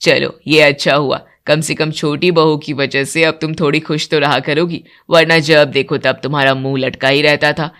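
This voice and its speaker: Woman voicing a gruff older husband, deep voice. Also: little pitch movement, normal speed, hardly any pauses, fairly bright tone. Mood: blunt. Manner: low, blunt. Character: middle-aged husband, gruff and blunt.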